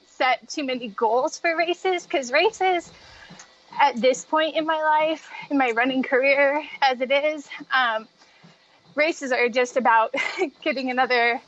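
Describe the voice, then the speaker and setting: A woman who runs on treadmills chats casually as a podcast guest about her own experience. Her voice sits high and is fairly bright, and she speaks slowly. The lo-fi audio is dull and muffled.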